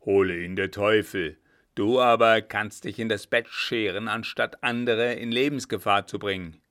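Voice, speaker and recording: A man voicing a gruff, irritable army captain who talks loudly and threateningly. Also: on the low side, moderate pace. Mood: angry, barking. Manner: loud, barking and threatening.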